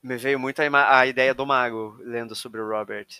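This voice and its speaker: A man talks quickly and chattily about a novel, eager to add details. His voice is bright and crisp, close and dry with no room around it. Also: mid-range voice, steady tone, dry recording. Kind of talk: casual book discussion.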